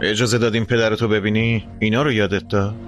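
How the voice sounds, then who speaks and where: A man's voice: fairly low pitch, level tone, music in the background, lightly acted. A man dubbing a probing police commander in a television drama.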